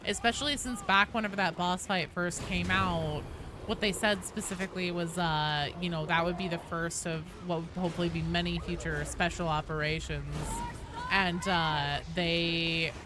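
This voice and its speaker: Over gameplay, this streamer and host talks with her viewers in a casual, animated way, welcoming newcomers and cursing without restraint. Her voice is fairly low, her intonation fairly even, and she speaks at a normal speed. Video game audio is clearly audible behind her.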